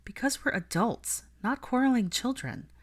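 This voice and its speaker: A woman reading a fan-fiction audiobook voices a composed, assertive adult witch who is defiant and articulate. The character speaks in measured, formal sentences with a pointed edge, standing her ground, in a voice on the high side, animated and pushed up.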